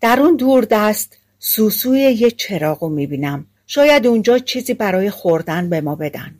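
A woman's voice: medium pitch, big pitch swings, darkish tone. A woman voicing a bold, hungry young male ex-soldier in a storybook, speaking bluntly and with some liveliness.

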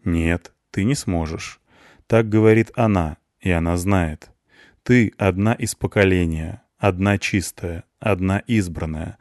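A man reading an audiobook, voicing a merciless executioner who speaks slowly, calmly and evenly. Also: low voice, dry recording, clean studio sound. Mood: cold calm. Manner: slow, measured, cold. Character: calm slow merciless executioner father.

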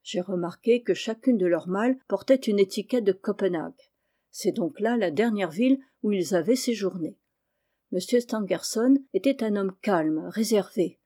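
A woman's voice: medium pitch, expressive, moderate pace, mellow, natural voice. A woman reading the part of an anxious middle-aged landlady and mother, agitated and earnest, in an audiobook.

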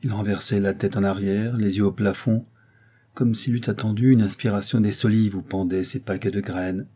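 Male narrator for a classic novel; low, measured, husky delivery. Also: fairly even intonation, warm tone. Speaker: audiobook narrator.

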